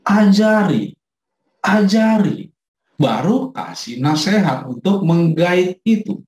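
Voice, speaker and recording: Middle-aged male pastor, animated teacher of parents, roomy hall sound. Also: high voice, moderate pace. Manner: animated, acts out quotes from his child. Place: church hall. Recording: echoey room.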